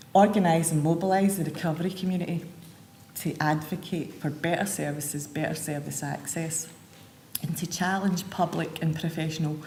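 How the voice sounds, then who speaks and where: A Scottish woman speaks in a somewhat low, mellow voice, talking informally to a conference audience. She rambles chattily and drops in self-deprecating asides. The sound is roomy and echoey, with faint ambience in the hall. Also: a little hiss or hum. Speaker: recovery advocate giving a conference talk.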